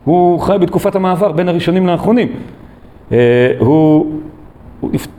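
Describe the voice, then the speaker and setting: Mellow-voiced man teaching, halting with fillers. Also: high-pitched, expressive. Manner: hesitant, many drawn-out fillers. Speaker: Torah teacher. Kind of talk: recorded Torah lesson.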